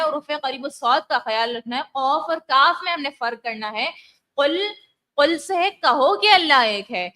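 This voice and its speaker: A woman teaching Quran recitation in an Urdu lesson, explaining mistakes and reciting Arabic phrases slowly and drawn out. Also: high-pitched, pushed and bright.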